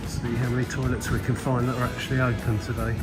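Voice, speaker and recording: A man's voice: medium pitch, little pitch movement, quick pace, over loud music. A man giving casual, rambling travel vlog commentary in a chatty, hesitant way. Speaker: travel vlogger.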